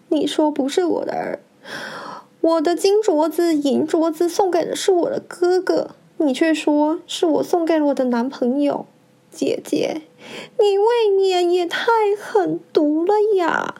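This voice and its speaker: A woman voicing a frightened young concubine who pleads in a high, tearful voice for a storybook reading. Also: animated, normal speed, a little mellow. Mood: tearful pleading.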